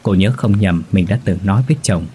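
A man narrating a scripted story in a steady, measured reading. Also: lowish voice, a little hiss or hum.

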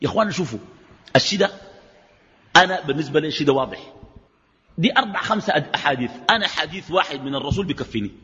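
A man's voice: fairly high pitch, expressive, racing, pauses often, pushed and bright. A man with a Sudanese Arabic accent giving a religious lecture, arguing his point with rhetorical questions, recorded in a reverberant hall on dull lo-fi sound. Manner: argumentative, fires rhetorical questions. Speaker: preacher.

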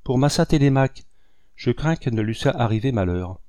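Fearful, melancholy servant from a storybook, pleading and raised in pitch, as a male narrator puts him on. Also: animated, fairly quick, mellow, no room sound, close to an everyday voice. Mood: anxious.

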